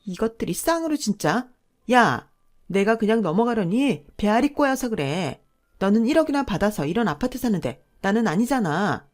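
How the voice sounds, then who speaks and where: A woman's voice: medium pitch, sing-song, moderate pace, close to an everyday voice. A woman voicing a bossy, greedy middle-aged sister-in-law who talks rudely and demands money, in a radio drama. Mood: angry. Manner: shouting, rude, demanding.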